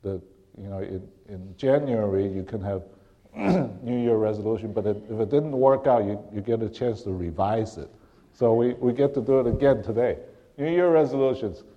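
Heard in a muffled recording, this middle-aged guest preacher from Taiwan gives a sermon in a lowish voice. He speaks haltingly with frequent restarts and occasional throat-clearing.

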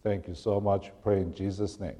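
A middle-aged man from Taiwan, preaching a sermon as a guest preacher. He speaks haltingly, restarts often and clears his throat now and then. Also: deep voice, fairly even intonation, dark tone.

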